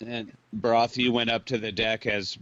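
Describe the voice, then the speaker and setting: Unhurried man running a tabletop game. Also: mid-range voice, level tone, pushed and bright. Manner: unhurried, halting with fillers. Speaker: dungeon master. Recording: muffled lo-fi mic.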